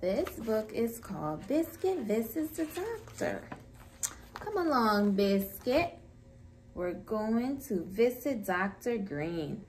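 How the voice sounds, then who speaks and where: Preschool teacher, female, slow and very melodic storytime read-aloud. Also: a little high, sing-song, a little hiss or hum, poor audio. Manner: gentle, slow, sing-song storytime delivery. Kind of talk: reading a picture book to young children.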